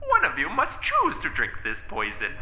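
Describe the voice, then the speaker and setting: A woman voicing a theatrical male dungeon villain whose magically amplified voice booms from all around, grandiose and given to maniacal laughter. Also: huge pitch swings, normal speed, sharp tone, slight background noise, heavily acted. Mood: gloating. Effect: magically amplified voice booming from all around. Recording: echoey, dull lo-fi sound.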